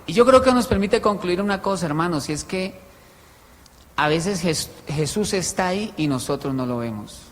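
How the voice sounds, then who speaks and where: Male preacher, high voice, animated with loud and quiet swings, humorous storyteller, hall reverb. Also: normal speed. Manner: tells stories with humor. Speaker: pastor. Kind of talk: sermon. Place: church hall with a congregation.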